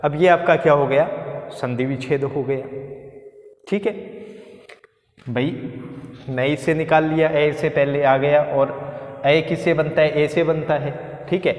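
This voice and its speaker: A man's voice: a little high, steady tone, a little slow, pauses often. A man teaching a Hindi grammar lesson to exam students, explaining step by step and asking questions that he answers himself. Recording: echoey room with long reverb.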